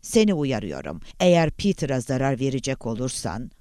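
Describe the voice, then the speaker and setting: A man's voice: medium pitch, huge pitch swings, normal speed, darkish tone, dry recording, studio quality. A man reading as a rattled, defensive professor. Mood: alarmed, defensive. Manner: defensive, alarmed. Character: tense, bewildered male professor. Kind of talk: audiobook character voice.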